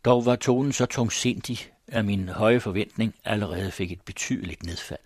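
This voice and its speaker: Low, husky male storyteller. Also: no room sound, studio quality. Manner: measured, solemn storytelling. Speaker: audiobook narrator. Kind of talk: scripted literary narration.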